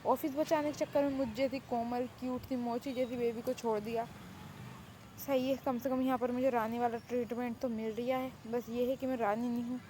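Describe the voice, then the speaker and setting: A woman's voice: a little high, flat delivery, normal speed, warm tone, a little hiss or hum, natural voice. A woman playing a dramatic young woman held in a palace, stammering and indignant. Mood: chatty. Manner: stammering, indignant, self-pitying. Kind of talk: Hindi fan-fiction audio story.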